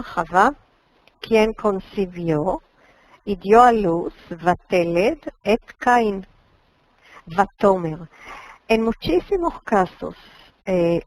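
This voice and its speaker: A woman with as her lectures on Bible studies at a slow, deliberate pace. She explains patiently and draws out words to model their pronunciation, stopping now and then with a hesitant "eh". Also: mid-range voice, a little mellow, rough recording. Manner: explanatory, slows to spell out pronunciations, frequent "eh" pauses. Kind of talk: lecture on Hebrew names.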